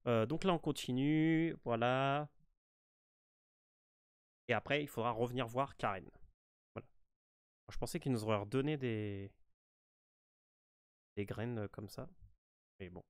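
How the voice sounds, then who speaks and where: A French-accented man narrates a game walkthrough casually in a clear, resonant, middle-pitched voice, hesitating often and restarting sentences with lots of fillers. The recording is close and dry with no echo.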